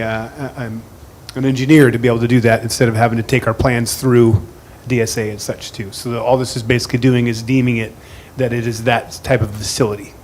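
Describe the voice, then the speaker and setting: A man's voice: mid-range voice, darkish tone, slight background noise. A man at a board meeting explaining a resolution, hesitant with many fillers and restarts.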